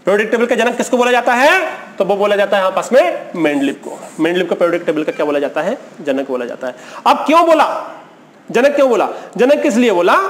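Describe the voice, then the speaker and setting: A man's voice: very high-pitched, a little hiss or hum. A man teaching a chemistry class in a colloquial lecture, asking rhetorical questions, answering them himself, and counting aloud for emphasis.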